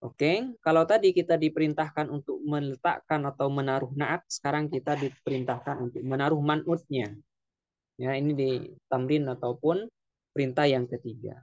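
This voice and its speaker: A man teaching an Arabic vocabulary lesson, explaining slowly and repeating words with frequent fillers. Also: medium pitch, no echo, dull audio. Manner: slow, repetitive explaining with frequent "ya". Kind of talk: classroom lesson.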